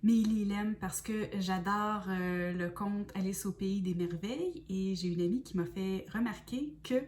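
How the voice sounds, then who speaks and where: A woman's voice: mid-range voice, a little slow, a little mellow, distant mic. A woman from Quebec with a Québécois accent, introducing herself as an oracle card reader and explaining her sessions step by step in a friendly way. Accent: Québécois French. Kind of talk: casual self-introduction video.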